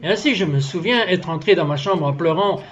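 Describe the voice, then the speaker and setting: Earnest high-pitched male dub voice telling a testimony, dull lo-fi sound. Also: expressive, brisk, a bit bright. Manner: earnest storytelling, acts out the dialogue of his story. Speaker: interview guest telling a testimony. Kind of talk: French voice-over dub of a testimony.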